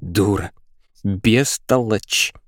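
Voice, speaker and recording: A man voicing a frantic, bossy and spiteful girl in an audiobook, with shrill, scolding and hurried whispered lines. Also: dry recording, clean studio sound.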